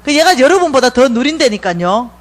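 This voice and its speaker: Lively, high-voiced woman preaching. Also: a little fast. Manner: lively, playful storytelling with acted quotes. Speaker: church staff speaker. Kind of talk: revival sermon talk. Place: church.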